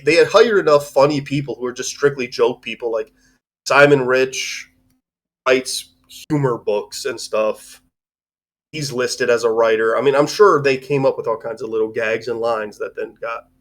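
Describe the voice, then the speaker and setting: A man hosts a livestream discussion show, talking about films in a casual, rambling, informal manner. His voice is mid-range and a bit bright.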